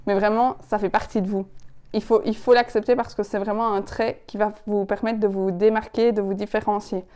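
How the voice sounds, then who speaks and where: Brief: young woman coach, Belgian Ardennes accent, mellow smooth voice, punchy emphatic delivery. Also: medium pitch, a little fast. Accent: Belgian French, Ardennes. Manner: energetic, emphatic, repeats words when stressing a point. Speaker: public speaking coach. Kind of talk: direct-to-camera coaching video.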